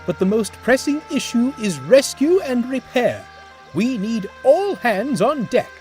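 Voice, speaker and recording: A man's voice: very high voice, very animated, measured pace, a little mellow, soft background music, pitched above the performer's own voice, heavily acted. A man voicing an agitated, stern railway boss in a children's story, giving orders in an urgent, exclamatory way. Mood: urgent, commanding.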